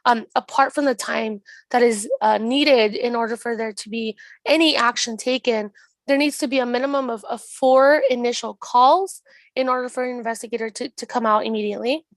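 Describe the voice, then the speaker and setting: A young American woman gives explanatory testimony in a hoarse, strained voice that sits somewhat high. The sound is very dry, with little room around it, and she moves haltingly through her points as she corrects herself. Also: no room sound. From Southeast Los Angeles, United States. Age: 20s. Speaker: mayor presenting at a public meeting. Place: indoors on a video call.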